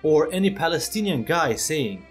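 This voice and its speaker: A man's voice: fairly high pitch, sing-song, moderate pace, soft background music. A man hosting an opinion video as a voice-over, earnest and persuasive, speaking straight to his viewers. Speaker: channel host.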